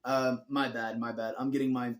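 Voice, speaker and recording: A man's voice: medium pitch, flat delivery, normal speed. Tired, earnest young man rambling. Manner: rambling, earnest, self-correcting. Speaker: vlogger. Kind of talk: casual personal story.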